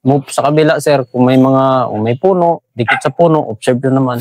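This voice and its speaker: A man from Basilan, an army sergeant, answering interview questions deferentially and haltingly, tacking "sir" onto nearly every phrase. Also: mid-range voice, darkish tone, no echo. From Basilan, Philippines.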